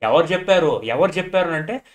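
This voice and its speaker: Fast-talking, opinionated man. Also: a little high. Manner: animated, opinionated, mixes English into his talk. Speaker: reality show reviewer. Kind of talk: casual spoken review.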